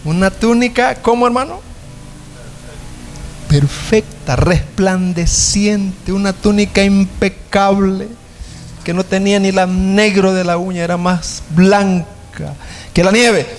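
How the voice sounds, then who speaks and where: A man's voice: high voice, slow pace. A male pastor with a Salvadoran Spanish accent, preaching and telling a story, stretching out key words for emphasis. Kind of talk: sermon with storytelling.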